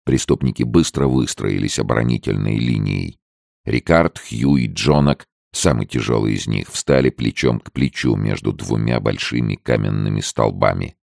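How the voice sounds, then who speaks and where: A man narrating an adventure audiobook in a measured, steady storytelling manner, with a deep gravelly voice. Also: no room sound, clean studio sound.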